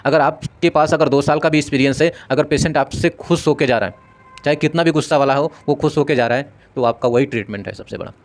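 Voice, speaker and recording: A man's voice: fairly high pitch, quick pace. A man lecturing paramedical staff in an earnest, repetitive way, acting out sample dialogues with patients. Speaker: medical instructor.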